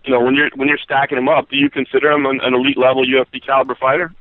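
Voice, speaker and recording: Very fast-talking male reporter on the phone. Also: mid-range voice, level tone, no echo. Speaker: sports reporter asking questions. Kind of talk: press conference questioning. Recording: narrow telephone line.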